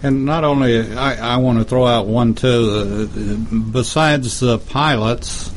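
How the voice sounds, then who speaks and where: An American man hosting an interview in a casual chat, haltingly searching for his words. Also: medium pitch, slight background noise. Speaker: interview host.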